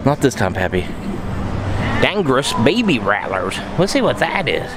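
A man's voice: mid-range voice, very animated, moderate pace. A man filming a casual travel vlog, chatting in an amused way as he points things out around a restaurant. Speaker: travel vlogger. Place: busy restaurant indoors. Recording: loud music and crowd noise behind.

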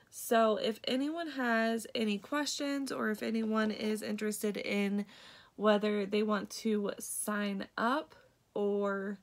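A young woman with a congested voice, chatting casually through a makeup vlog with lots of ums and likes. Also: on the high side. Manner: rambling, many ums and likes. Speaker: beauty vlogger and product seller.

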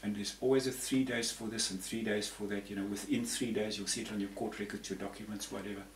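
Fairly low in pitch, his tone stays level while he talks fast. He is a man in his sixties from Zambia, a panel guest whose explanations ramble and often repeat words in conversational fashion. The room has a patterned tapestry backdrop, and the sound is roomy, distant and faintly hissy.

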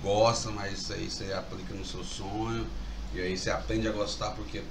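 A man's voice: on the low side, little pitch movement, a little fast, creaky. A man in his thirties chatting casually and slangily as a podcast guest, with frequent tag questions. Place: small podcast room. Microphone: table microphone, a little distant. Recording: echoey, distant, noisy room sound.

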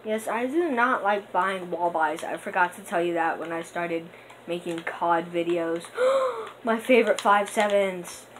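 Young female gamer host, unhurried rambling commentary, slightly low voice, noisy home audio. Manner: rambling and hesitant, with many fillers; bursts into excited gasps during play. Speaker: gaming channel host. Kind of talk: casual gameplay commentary. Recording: noticeable background noise.

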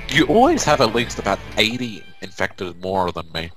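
A man's voice: fairly low pitch, big pitch swings, normal speed, a bit bright, faint music behind. A man playing a game and chatting casually, joking, laughing and teasing his co-player. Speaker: let's play gamer. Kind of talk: casual gaming banter.

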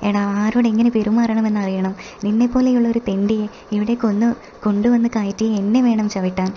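A woman's voice: medium pitch, fairly even intonation, a little fast, highs cut off, slight background noise, close to an everyday voice. A woman voicing an angry male estate overseer. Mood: angry scolding. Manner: angry, scolding. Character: hot-tempered middle-aged male estate overseer.

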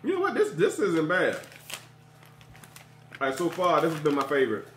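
A man's voice: on the high side, huge pitch swings, normal speed, a little hiss or hum. A man hosting a casual food review taste test at home, chatty and teasing. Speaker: video host. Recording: echoey room.

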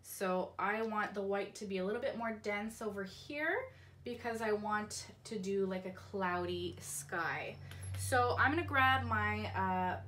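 A woman's voice: medium pitch, fairly bright tone, a little hiss or hum. A woman in her thirties from Canada, a painting instructor who walks through each step of a tutorial in a friendly, instructive way. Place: indoor craft studio with paint shelves.

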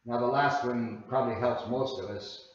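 A man preaching a sermon as a guest minister, slow and deliberate, leaning hard on key phrases. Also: medium pitch, steady tone. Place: church sanctuary. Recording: very echoey hall, voice from far off, dull sound.

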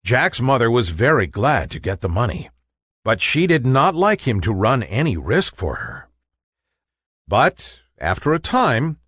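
A man with a bit of brightness in his voice reads a storybook tale slowly and carefully for learners, his pitch rising and falling widely. A close mic keeps the sound dry, with no room and no echo.

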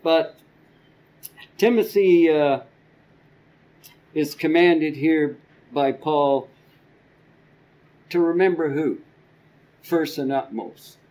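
Older man, church bible class teacher, slow halting delivery, mellow dark voice, podium mic in a classroom. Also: fairly high pitch, low-quality recording. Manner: slow, halting, with frequent ums and repeated words. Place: church classroom with a projector screen. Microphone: podium microphone.

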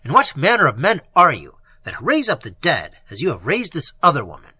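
A man's voice: on the high side, wildly swooping pitch, a little fast, bright, forceful tone, breathy edge, dry recording, heavily acted. A man voicing a bold, furious young traveller who speaks curtly and defiantly. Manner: curt, defiant.

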